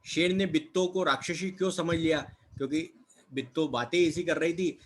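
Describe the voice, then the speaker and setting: Guy teaching kids a textbook chapter, kinda high voice, keeps asking then answering, lots of little check-ins. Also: fairly even intonation, moderate pace, a bit bright, breathy edge. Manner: asks questions then answers them, repeats words with "है ना" and "ठीक है". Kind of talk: explaining a textbook lesson.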